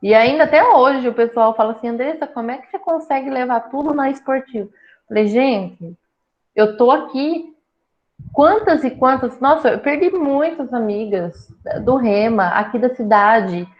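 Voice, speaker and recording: A woman telling her own cancer story in a casual talk, lively and joking as she acts out what people said. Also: a little high, normal speed. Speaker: breast cancer patient sharing her story. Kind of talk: casual conversation. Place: small town in Brazil. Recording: dull lo-fi sound.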